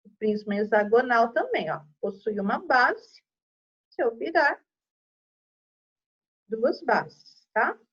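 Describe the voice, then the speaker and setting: A woman teacher with a Brazilian Portuguese accent patiently takes children through a math lesson step by step, checking in after each point. Her voice is fairly high, and the recording's highs are cut off.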